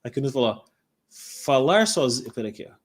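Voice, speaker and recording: A man's voice: mid-range voice, racing. A man in his forties from Brazil, a corporate English teacher giving a chatty live webinar talk, often tagging "né?". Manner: chatty, lively, many filler tags.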